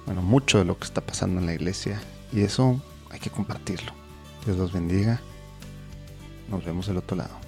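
A man's voice: deep voice, a little fast, dark tone, faint music behind. A man giving an upbeat, colloquial podcast introduction. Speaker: podcast host.

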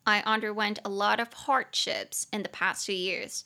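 Woman, Taiwanese Mandarin accent, podcast English teacher, bright clear tone, chatty and playful. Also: medium pitch, steady tone. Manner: chatty, playful, slows down to spell and drill words. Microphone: podcast microphone.

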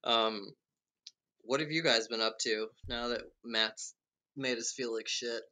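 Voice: medium pitch, fairly even intonation, measured pace, pushed and bright. A podcast co-host chatting casually, joking and swearing freely. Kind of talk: casual chat.

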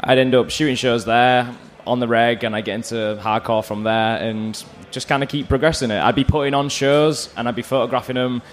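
A man's voice: medium pitch, steady tone, brisk, hardly any pauses. A man with a Bradford, West Yorkshire accent chatting casually and slangily as a guest in a live interview. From Bradford, England. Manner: informal, slangy, sweary. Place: live stage at a music festival. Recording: clear background noise, festival stage.

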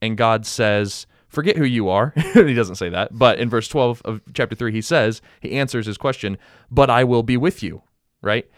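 A man's voice: mid-range voice, normal speed, dry recording, studio quality. A man co-hosting a podcast, chatting casually through a Bible passage, thinking aloud and explaining with everyday examples. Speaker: podcast co-host. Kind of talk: casual Bible study chat.

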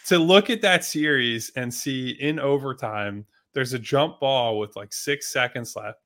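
A man's voice: mid-range voice, measured pace, fairly bright tone. A man co-hosting a sports podcast, arguing his points bluntly and emphatically, with frequent swearing and restarts. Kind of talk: casual sports debate.

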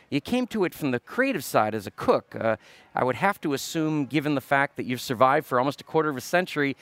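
A man hosting a radio interview show over lunch, asking friendly, lively questions. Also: fairly high pitch, no echo.

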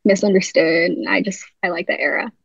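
A young New Jersey woman, a writer appearing on a podcast, chats casually and says "like" a lot. Her voice sits on the low side, gravelly and husky with a slight brightness, and she talks fairly quickly with fairly even intonation. The recording is dry and lo-fi.

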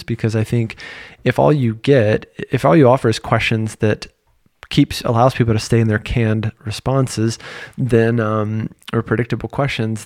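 Low-voiced man hosting a podcast. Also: dry recording, studio quality. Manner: relaxed, thinking aloud with fillers and restarts. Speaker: podcast host. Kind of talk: casual podcast monologue.

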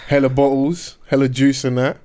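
A man's voice: mid-range voice, level tone, moderate pace, dark tone. A man with a London accent chatting casually as a podcast host, in slang-heavy roadman street talk. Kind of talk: casual chat.

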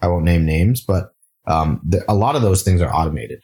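A man with a low voice, talking slightly fast, is interviewed casually about his startup; he grew up in Singapore. He sounds relaxed and often uses fillers and restarts his thoughts.

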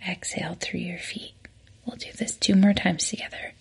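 A woman guiding a slow breathing exercise, cueing inhales and exhales in a hushed voice that often drops to a breathy near-whisper. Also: fairly low pitch, little pitch movement. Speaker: podcast host and breathing coach.

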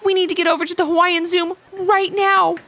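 A woman voicing an eager, determined young girl in a children's story, high and excited, pleading hard to get her way. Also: fairly quick.

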